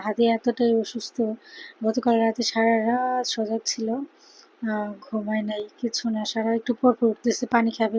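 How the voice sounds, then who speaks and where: Woman, Bangladeshi Bengali accent, hushed and tired cooking vlog voice-over, husky and dark tone, flat delivery. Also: fairly high pitch, low-quality recording. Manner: speaks softly and quietly so as not to wake a sleeping child. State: tired after a sleepless night. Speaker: vlogger, mother cooking for her daughter.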